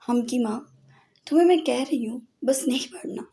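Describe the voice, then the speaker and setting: A woman's voice: high voice, moderate pace, warm tone. A woman voicing a fussy, bossy middle-aged aunt in an audiobook novel, with a lecturing, snappish manner.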